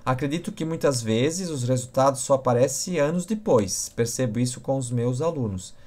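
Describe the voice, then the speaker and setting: On a live stream, a communication instructor speaks in a mid-range, darkish voice at a moderate pace. He addresses viewers by name and keeps checking in with brief questions.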